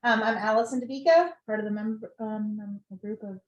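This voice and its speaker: A woman's voice: a little high, steady tone, a little fast. A woman on a town committee, flustered and self-mocking as she introduces herself. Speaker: committee member. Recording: dull, echoey room.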